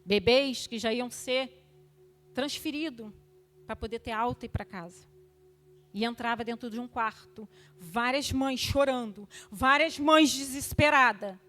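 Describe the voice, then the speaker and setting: An older woman gives a fervent, emotional testimony at a church service, swinging between loud exhortation and hushed tones. Her voice is a little high and a little slow.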